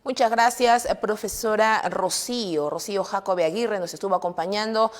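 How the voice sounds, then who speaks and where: A woman presenter, speaking formally as she introduces guests and announces the next topics. Her voice is mid-pitched, and a long reverb trails after her words. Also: normal speed. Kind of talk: live broadcast hosting.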